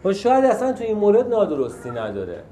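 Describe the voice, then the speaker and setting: A man's voice: high-pitched, wildly swooping pitch, mellow, roomy sound, slight background noise. A man leading a support group, teaching emphatically, asking rhetorical questions and acting out everyday examples. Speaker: group session leader.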